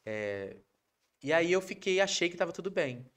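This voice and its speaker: A Brazilian man, a podcast guest, telling a personal story in a casual, animated way, acting out his wife's lines. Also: a little high, normal speed. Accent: Brazilian Portuguese. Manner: animated, acts out quoted voices of his wife.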